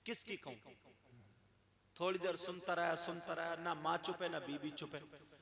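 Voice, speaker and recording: A man giving an animated sermon, acting out household quarrels and rising to shouts. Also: on the high side, normal speed. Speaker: Islamic preacher. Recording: echoey hall with crowd.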